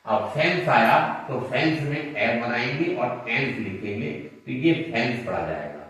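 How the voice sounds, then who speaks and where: A man's voice: mid-range voice, lively intonation, measured pace, fairly bright tone. A man teaching shorthand, explaining each stroke patiently and step by step. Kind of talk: classroom lesson at a board. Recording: echoey room, mic far off.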